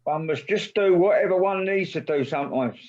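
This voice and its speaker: A woman's voice: lowish voice, a little fast, a little mellow, highs cut off, natural voice. A woman playing a casual, unembarrassed male water rat in an audio play, over a video-call recording. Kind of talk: community audio play of children's classic.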